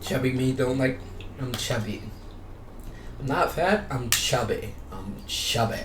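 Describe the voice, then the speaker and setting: A gaming YouTuber chats casually, rambling, repeating phrases, and now and then reading game text out loud. His medium-pitched voice moves a little slowly. The recording sounds roomy, with a distant mic and steady background noise.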